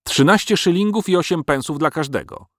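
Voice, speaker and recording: A man's voice: fairly high pitch, a little fast, a bit bright, no echo, studio quality, pitched above the performer's own voice. A man voicing a cunning, cowardly male dragon who haggles to save his life in a storybook reading. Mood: wheedling. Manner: wheedling, bargaining.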